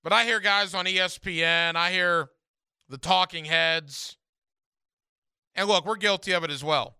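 A man's voice: sits high, a little slow, sharp tone, clean tone, no echo. A man hosting sports radio in the style of a contest promo, speaking emphatically, repeating phrases and addressing listeners directly. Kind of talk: radio contest promo, announcing a ticket giveaway to callers. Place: radio studio.

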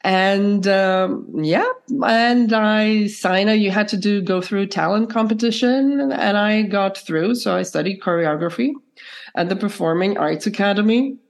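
A woman with a croaky, froggy voice, hoarse from a cold, telling her story casually as an interview guest. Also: mid-range voice, measured pace. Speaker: podcast guest, filmmaker and choreographer.

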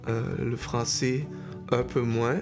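A young man from Mexico talks casually in an interview, in a mid-pitched voice. He hesitates and repeats words as he goes, with faint music playing underneath. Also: slow pace. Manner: relaxed, hesitant, with fillers.

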